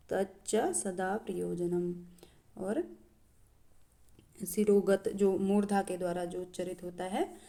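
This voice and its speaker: A woman gives a lesson at an unhurried, measured pace. Her voice is soft and mellow, and she recites each verse slowly before explaining it with pauses and hesitant fillers. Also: mid-range voice, vocal fry. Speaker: Sanskrit teacher.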